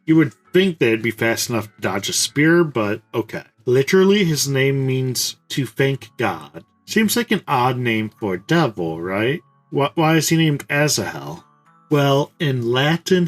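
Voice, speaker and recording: A young man giving casual let's-play commentary over faint game music. His voice sits at an average pitch, and he slips in dry, irreverent jokes as he explains things. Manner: jokey, irreverent, deadpan asides.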